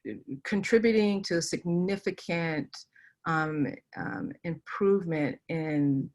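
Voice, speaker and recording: A woman panelist answering thoughtfully with many pauses and fillers. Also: fairly low pitch, darkish tone. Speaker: panelist, tech engineering director. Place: Los Angeles area.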